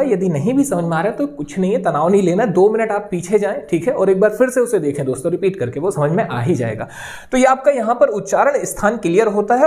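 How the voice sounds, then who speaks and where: A man's voice: high-pitched, a little mellow. Man, teacher, exam-prep grammar lecture, reassuring tone, keeps checking in with listeners. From India. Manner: reassuring, repeats "okay" and "friends" often.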